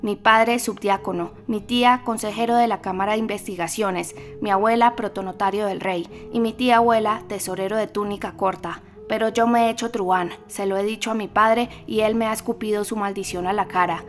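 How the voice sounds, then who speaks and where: A woman voicing a rowdy, boastful young male student rogue in armor for an audiobook, shouting with drunken bravado. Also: mid-range voice, fairly even intonation, fairly quick, few pauses, soft background music, lightly acted. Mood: boisterous.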